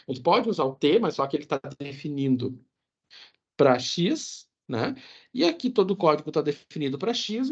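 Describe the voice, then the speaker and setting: A man with a fairly high, darkish, husky voice teaches an online lecture, casually walking through code. He checks in with the class often, leans on filler checks, and corrects himself along the way. The audio is dull and lo-fi.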